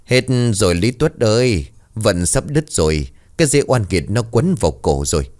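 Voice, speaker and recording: A man's voice: lowish voice, big pitch swings, normal speed, a little mellow. A man voicing a grim older village fortune-teller foretelling doom. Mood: grim foreboding.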